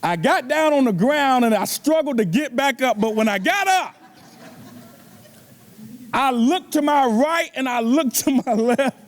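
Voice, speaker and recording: A middle-aged man giving a motivational keynote speech at a banquet, preacher-like, calling out to the students and asking the crowd rhetorical questions. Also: very high-pitched. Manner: preacherly, repeatedly addresses the audience with rhetorical questions. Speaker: motivational speaker. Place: banquet event.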